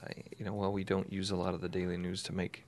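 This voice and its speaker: Man, low voice, radio host, casual chat, rambling, reads articles aloud. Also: completely flat delivery, fast, darkish tone.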